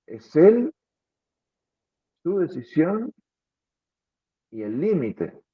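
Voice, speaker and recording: A man's voice: a little high, very animated, extremely slow, breathy edge, dry recording. A man in an earnest, reflective philosophical conversation, often repeating words as he thinks. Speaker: philosophy commentator. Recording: tinny phone-like line.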